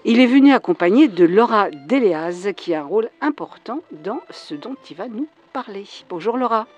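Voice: medium pitch, animated, normal speed, a little mellow, dull audio, soft background music. A radio host introducing guests and asking friendly, slightly hesitant questions in an interview.

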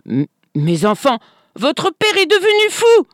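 A storyteller voicing an angry, scolding wife who shouts at her husband, in a read-aloud folk tale. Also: mid-range voice, animated, normal speed, no echo, studio quality, pitched above the performer's own voice, lightly acted. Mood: furious.

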